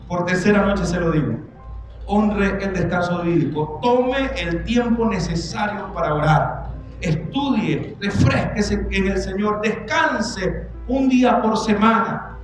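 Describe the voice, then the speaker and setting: A man preaching a sermon as pastor, emphatic, repeating his points and calling out to the congregation. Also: sits high. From Venezuela. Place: church. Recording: echoey church hall with music behind.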